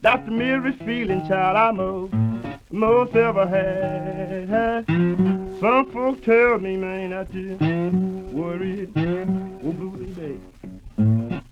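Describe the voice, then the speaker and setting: A man's voice: high voice, slow pace, long pauses. Man singing blues on an old field recording. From Mississippi Delta. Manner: drawling, with loose repeated phrases and spoken asides. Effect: old archival field recording. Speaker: blues singer and guitarist. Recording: dull lo-fi 1941 field recording. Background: acoustic guitar accompaniment.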